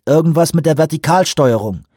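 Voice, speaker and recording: An easygoing middle-aged dive chief, as a male narrator plays him, raised in pitch and spoken up loud. He brushes off worries in a casual, reassuring tone. Dry, close audiobook sound. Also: a little fast, no room sound. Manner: relaxed, reassuring.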